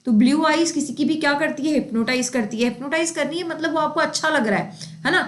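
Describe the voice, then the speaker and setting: A woman's voice: sits high, quick pace. A woman teaching English idioms for exam preparation. She explains with memory tricks, asks questions and answers them herself, and keeps adding tag questions. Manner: often adds tag questions like "है ना". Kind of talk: exam-prep idiom lesson. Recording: echoey room.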